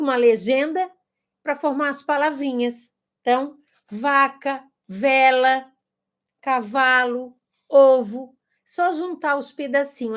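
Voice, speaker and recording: High-pitched and a little bright, this woman's voice carries a relaxed video lesson aimed at teachers. She sounds out words and demonstrates games while a camera faces her.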